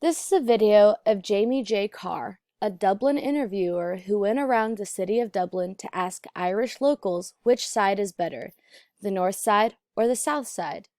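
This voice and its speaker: A woman's voice: mid-range voice, normal speed, a little mellow, no echo. Dry, close-miked woman teaching pronunciation. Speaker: accent teacher. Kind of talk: instructional narration.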